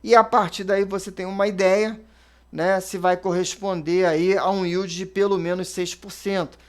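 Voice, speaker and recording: A Brazilian man in his thirties or forties, an investment advisor, talks through his approach with a rather high voice. His delivery is casual and conversational, dotted with fillers and quick self-corrections. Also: level tone. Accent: Brazilian Portuguese. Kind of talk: casual explanatory talk.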